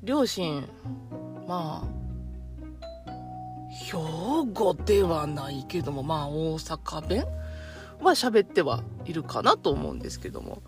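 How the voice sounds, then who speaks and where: A woman with a Kansai accent talks in a loose, chatty monologue, poking fun at herself and laughing often. Her pitch rises and falls a lot, and soft music plays quietly behind her. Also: wildly swooping pitch, takes it slowly, pauses often. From Kansai, Japan. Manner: chatty and self-deprecating, laughs easily. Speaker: podcast host. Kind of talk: casual monologue.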